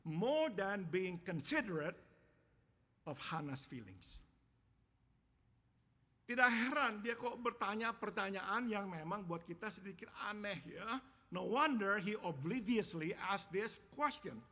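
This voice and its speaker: A male pastor delivering a sermon in measured, emphatic phrases, repeating each point in English after saying it. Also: high voice, bright, forceful tone. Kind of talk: bilingual sermon with self-interpretation. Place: church. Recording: long church reverb.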